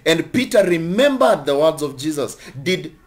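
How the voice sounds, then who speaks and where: A young man preaching a sermon in a lively, repetitive way, asking rhetorical questions and chuckling between points. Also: fairly high pitch, moderate pace. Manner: animated, repeats phrases, laughs between points. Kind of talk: sermon teaching.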